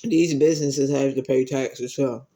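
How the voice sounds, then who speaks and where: A man chatting casually to viewers while he eats, giving earnest advice with pauses between phrases. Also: medium pitch, fairly even intonation, dark tone, poor audio. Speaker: mukbang vlogger.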